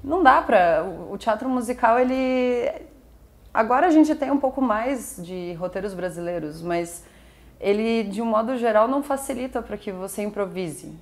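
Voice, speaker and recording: A woman's voice: on the high side, expressive, normal speed. A young Brazilian woman, a musical theatre performer, chatting casually as an interview guest and often ending her points with little tag questions. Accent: Brazilian Portuguese.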